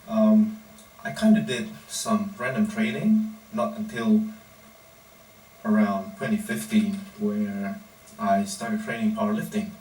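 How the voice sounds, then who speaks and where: A young man with a fairly low voice talks steadily in short, deliberate phrases, like a coach giving a prepared monologue. He sits back from the microphone in an echoey room, with a faint hiss of background noise. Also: a little mellow. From Indonesia. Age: 20s. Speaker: powerlifting coach and founder. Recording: roomy echo, distant mic, faint background noise.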